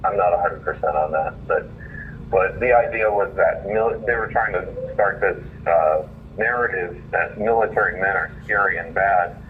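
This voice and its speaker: Earnest and indignant, a caller with a low-sitting voice speaks at a moderate pace, reading his own opinion essay before chatting informally. The phone line sounds muffled and distant, with faint noise.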